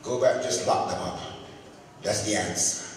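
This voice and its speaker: A middle-aged man preaching a sermon on a handheld mic, calling for answers from the congregation and swinging between loud peaks and low asides. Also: normal speed, a crowd in the background. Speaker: pastor. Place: large church sanctuary with a choir behind him. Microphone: handheld microphone. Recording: very echoey, long hall reverb, distant camera mic.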